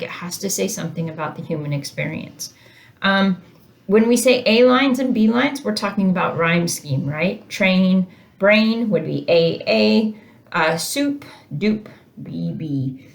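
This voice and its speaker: A woman's voice: lowish voice, gravelly. A middle-aged woman recording an online English lecture from her home office, explaining in a casual, chatty way with frequent "uh" and "um". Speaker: English teacher.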